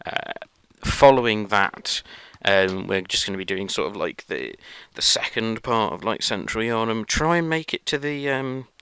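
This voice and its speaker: A man hosting a casual let's play, talking in a rambling, halting way full of fillers and self-corrections, recorded at home on a headset. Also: lowish voice, fairly bright tone, clean tone, dry recording. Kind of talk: casual gameplay commentary. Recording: noticeable background noise.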